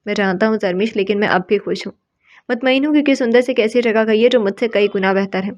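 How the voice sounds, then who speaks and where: A woman's voice: medium pitch, highs cut off, natural voice. Woman reading as a heartbroken young man. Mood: sorrowful. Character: heartbroken young man writing a farewell letter.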